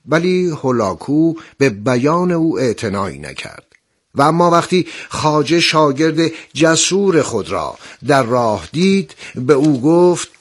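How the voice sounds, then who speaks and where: A man's voice: on the high side, big pitch swings. Formal male program host. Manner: formal, warm-toned recitation. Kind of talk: scripted storytelling and poetry narration.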